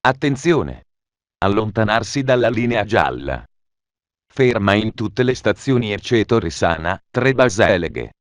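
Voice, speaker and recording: A man's voice making automated train station announcements, formal and measured, with phrases stitched together. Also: on the low side, sing-song, no echo.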